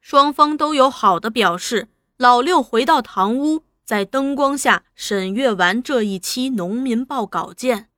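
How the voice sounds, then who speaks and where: A woman reads a novel aloud with expressive storytelling. Her voice sits fairly high and the recording is dry and close. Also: unhurried, few pauses, dry recording. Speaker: narrator.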